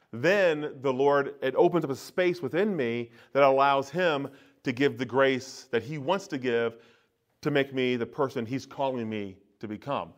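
Man teaching a parish study group. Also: mid-range voice. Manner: conversational, with frequent restarts and asides to the audience. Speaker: parish adult education presenter. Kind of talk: informal talk to a parish group.

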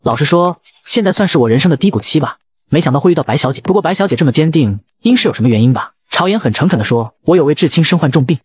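A man narrating an audio comic at a quick clip, briefly voicing each character's quoted lines. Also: a little high, breathy edge, no echo. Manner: rapid, lively storytelling with brief voiced quotes.

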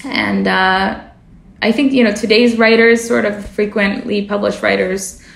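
A journalist whose first language is Russian, from a family from the former Soviet Union, speaks thoughtfully as a guest in a reflective interview conversation. Her medium-pitched, steady voice has a gravelly edge, and she pauses on fillers and corrects herself mid-sentence. The recording has a roomy echo.

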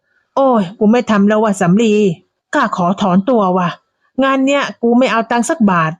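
A woman's voice: a little high, no echo, lo-fi sound, pitched above the performer's own voice, natural voice. Woman playing a weary old husband. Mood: weary, pleading. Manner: pleading, exasperated, slow.

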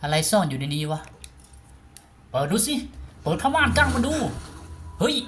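A woman calls out a game as she plays, loose and crude. She shouts when the action heats up. Her pitch sits mid-range, with faint background noise. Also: normal speed. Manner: rowdy, crude joking banter; excitable, shouting in tense moments. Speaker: gaming streamer. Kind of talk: let's-play commentary.

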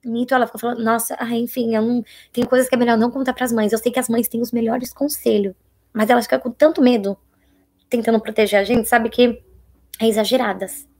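A young Brazilian woman with a husky, fairly high voice and a Brazilian Portuguese accent hosts a casual live-stream Q&A. She chats and reads viewer questions and comments aloud, dropping to a hush for private topics.

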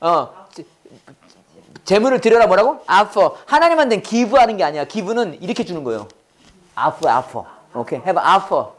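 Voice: medium pitch, big pitch swings. An English teacher running a Bible-based lesson, quizzing the class and drilling phrases in call-and-response. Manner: quizzing, repeats phrases slowly for learners.

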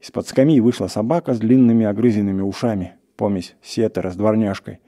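A man reads a classic tale aloud in a steady, measured way. His voice is low and deeply dark, with a warm, mellow weight. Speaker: narrator. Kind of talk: literary reading of a classic story.

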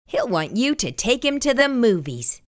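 Expressive woman's storytime voice. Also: on the high side, normal speed, no room sound, studio quality. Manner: expressive storytime voice addressed to young children. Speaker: children's read-aloud host. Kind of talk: storytime read-aloud.

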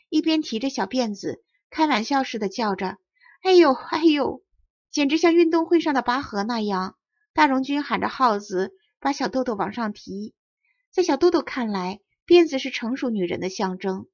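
A woman's voice: on the high side, dry recording. Woman narrating a storybook, dull lo-fi sound. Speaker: audiobook narrator. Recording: dry, dull lo-fi audio.

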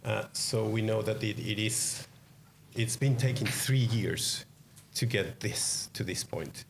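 Deep, creaky Colombian man at a seminar. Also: takes it slowly. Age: middle-aged. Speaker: seminar speaker. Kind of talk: answering questions at a seminar. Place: indoor seminar room at a lectern. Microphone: lectern microphone. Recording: faint room noise.

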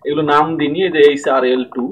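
A man's voice: fairly high pitch, flat delivery, quick pace, slight background noise, rough recording. A man giving a screen-recorded programming tutorial at his computer, explaining step by step and often checking that listeners follow.

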